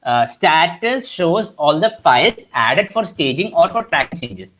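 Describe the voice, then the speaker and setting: A man's voice: a little high, sing-song, fairly bright tone. Young Indian man teaching, full of fillers. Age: young adult. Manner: halting, many fillers and restarts. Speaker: workshop instructor. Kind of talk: live online tutorial. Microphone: computer mic on a video call.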